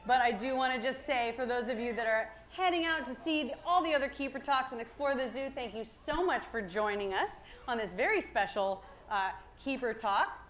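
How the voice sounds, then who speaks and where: A woman's voice: on the high side, fairly quick, hardly any pauses, a bit bright. A cheery, enthusiastic woman working as a zookeeper, giving an educational talk to a live audience over a microphone. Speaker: zoo animal keeper and presenter. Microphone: worn or held presenter microphone. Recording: clear ambient noise behind voice.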